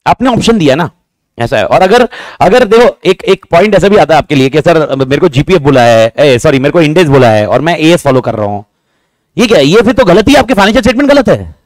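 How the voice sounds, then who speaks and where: A man teaching a class, talking fast and repeating himself, joking with his students. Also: a little high, big pitch swings, no room sound. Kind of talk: lively classroom lecture.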